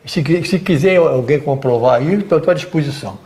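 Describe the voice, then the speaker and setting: A man's voice: a little high, brisk, darkish tone, faint music behind. An older Brazilian man, a retired general, telling stories in a TV interview with an emphatic manner, repeating words for stress and acting out what others said. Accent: Brazilian Portuguese. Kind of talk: TV interview, storytelling.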